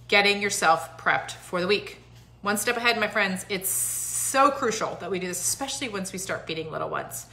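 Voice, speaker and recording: A woman in her thirties hosts a casual live stream from her home living room, holding her phone at arm's length. Her medium-pitched voice is bright and forward, her manner chatty and encouraging with plenty of fillers, and the room adds a noticeable echo.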